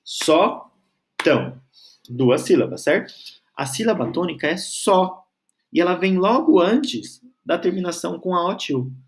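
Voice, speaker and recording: A male teacher with a slightly higher voice and very lively intonation. He explains grammar patiently, drags out syllables when he spells words, and keeps checking that the learner is following. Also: moderate pace. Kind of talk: online grammar lesson.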